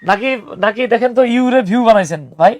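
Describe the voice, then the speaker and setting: A young man teaches spoken English in an online class, lively and teasing while explaining patiently with examples. He has a high voice, speaks fast, and there's no room sound.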